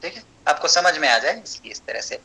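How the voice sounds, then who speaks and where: A man teaching an online Sanskrit class, explaining step by step, checking understanding and chanting verses slowly. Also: on the high side, very animated, gravelly, pushed and bright, slightly rough, low-quality recording.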